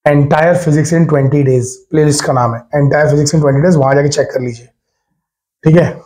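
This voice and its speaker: An Indian man teaching physics in a recorded exam-prep lecture, his voice a little high but warm and mellow. He talks in a chatty, teasing way, repeats phrases as he writes, and mixes English terms into his speech. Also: fairly even intonation, a little slow.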